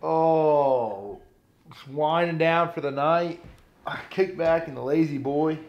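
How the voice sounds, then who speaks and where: A man's voice: on the high side, takes it slowly, dull audio, a little hiss or hum. A man, chatting casually and joking with friends in a living room at night. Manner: laid-back, joking, excitable. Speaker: vlog host, pro angler. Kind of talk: casual chat.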